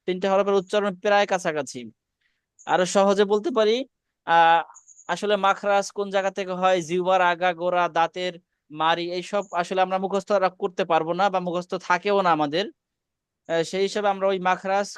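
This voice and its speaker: A man with a high, smooth and resonant voice teaches Arabic letter sounds over a video call. He speaks patiently, repeating each sound slowly so students can echo it. The sound is dry and close. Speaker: Quran teacher. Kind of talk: online class, pronunciation drill.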